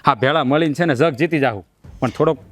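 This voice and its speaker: A man's voice: a little high, fast, a bit bright. An actor playing a poor young husband who keeps soothing and pleading with his wife. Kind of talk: village family drama.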